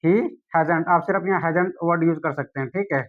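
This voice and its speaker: High-voiced man teaching English. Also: lo-fi sound. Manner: repeats questions to the viewer, slow English examples. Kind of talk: spoken English lesson.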